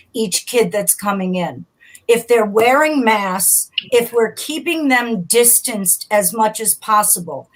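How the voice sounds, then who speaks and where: Woman guest calling into a radio talk show, steady and reassuring, explains school policy. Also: medium pitch, poor audio. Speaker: teachers' union leader, guest. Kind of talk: call-in radio interview. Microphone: remote call.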